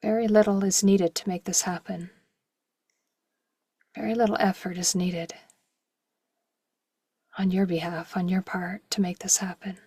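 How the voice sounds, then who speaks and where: A woman guides a meditation slowly and gently, speaking in short, soft phrases separated by long pauses. Her breathy, medium-pitched voice stays level and sometimes nears a whisper, and the recording is dry.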